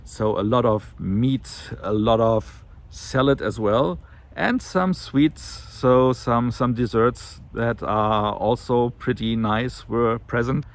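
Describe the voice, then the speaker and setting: Talking slowly at a medium pitch, this man addresses the camera in his monthly weight loss vlog. An allergy makes him sound a bit nasal, and his casual rambling is full of fillers and corrections.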